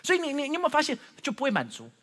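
A man preaching a sermon as pastor, telling stories with strong emotion, moving from loud to hushed, with frequent stammered restarts. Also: very high voice, wildly swooping pitch, rapid-fire, big-room sound.

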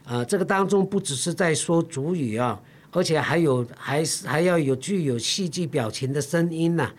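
A man co-hosting a podcast, who introduces a segment in a measured, scripted way. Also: fairly high pitch.

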